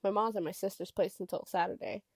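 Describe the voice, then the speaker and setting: A woman voicing a caring teenage boy in an audiobook, speaking softly and kindly. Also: mid-range voice, steady tone, fast talker, slightly rough, dry recording. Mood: friendly. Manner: soft, gentle advice. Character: teenage boy, laid-back, caring friend.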